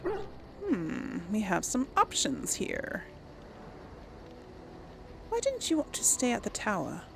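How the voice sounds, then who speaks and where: A woman's voice: on the high side, wildly swooping pitch, slow pace, vocal fry, fairly bright tone, slight background noise. A woman hosting a casual game playthrough, chatty and musing aloud as she reads out dialogue choices. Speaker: gaming video host and player. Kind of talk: casual let's play commentary, reading dialogue choices aloud.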